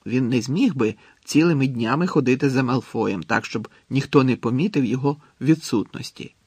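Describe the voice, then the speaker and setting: Guy narrating a story in an even, measured way, husky voice, very dry close mic. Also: medium pitch, no room sound. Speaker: audiobook narrator.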